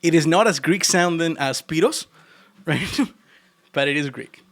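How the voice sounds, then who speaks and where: While writing code live, an Argentine programmer chats casually with his audience, playful and teasing, laughing often. His accent is Argentine Spanish, and his slightly high, a bit bright voice runs a little slow.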